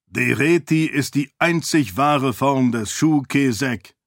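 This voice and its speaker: A grim, proud high priest who speaks in a gloomy, ominous tone, as the narrator gives him voice. The voice is the reader's own, only darker in mood. It is recorded close and dry. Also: male voice, slow pace, dry recording.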